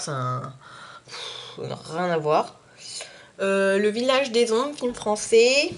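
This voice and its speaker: A young woman talks casually to her viewers in a vlog, pausing often with fillers as she searches for words. Her phrases fade softly at the ends, and her voice sits at an ordinary middle pitch. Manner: hesitant, full of "euh" fillers; phrases trailing off quietly. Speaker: YouTube vlogger. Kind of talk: casual chat.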